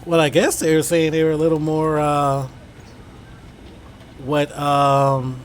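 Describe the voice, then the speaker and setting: A man's voice: fairly high pitch, little pitch movement, a little fast. Man muttering casual flight-sim commentary over noise. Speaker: flight simulator streamer. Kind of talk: casual gameplay commentary, thinking aloud through procedures. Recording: clear background vehicle-like noise.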